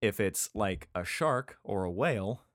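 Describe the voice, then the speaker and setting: Man, low-pitched, irreverent, profane, rambling asides, casual reading, dry close sound. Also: expressive, measured pace, no room sound. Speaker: host reading scripture aloud with comments. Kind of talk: casual comedic reading and chat. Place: indoor room with a cat.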